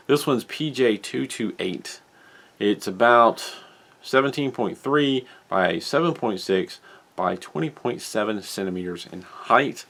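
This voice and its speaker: A man's voice: low voice, vocal fry, a bit bright. A man hosting a casual hobby news update, rambling and correcting himself as he reads out model details. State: has the hiccups. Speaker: hobby channel host. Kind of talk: casual solo news commentary.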